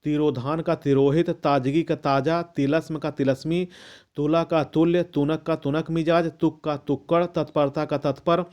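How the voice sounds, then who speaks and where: A man reading out a long list of word pairs as a lesson, measured and methodical, with the odd restart. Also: a little high, steady tone, a little mellow. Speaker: teacher reading a Hindi vocabulary list. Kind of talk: slow recitation of word pairs.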